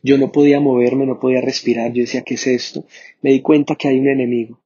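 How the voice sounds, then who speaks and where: A man tells his testimony in an earnest, even delivery with little rise and fall. His voice is husky and warm, and the recording sounds dull and lo-fi. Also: mid-range voice, fast. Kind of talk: personal testimony.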